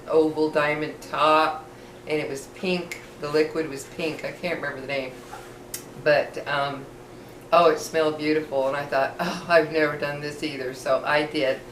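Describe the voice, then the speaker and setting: A middle-aged woman with missing teeth that soften her F sounds, telling casual, rambling, self-deprecating personal stories to camera. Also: low-pitched. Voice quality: slightly slurred speech from missing teeth, trouble with F sounds. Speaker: vlogger. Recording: echoey room, distant mic, faint noise.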